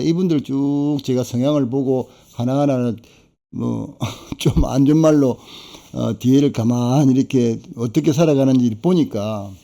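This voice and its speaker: Middle-aged man, very dark mellow voice, folksy live-stream consultant who chats and chuckles. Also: mid-range voice. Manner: chatty, folksy, laughs between points. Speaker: fishing boat broker and fishing-village consultant. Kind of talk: casual live-stream talk.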